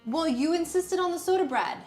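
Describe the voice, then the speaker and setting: A woman's voice: extremely high pitch, expressive, brisk, a little mellow, soft background music. Chatty woman baking at home. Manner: chatty, playful, talks to viewers. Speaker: home baker, co-host. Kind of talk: casual kitchen chat on a livestream. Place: home kitchen.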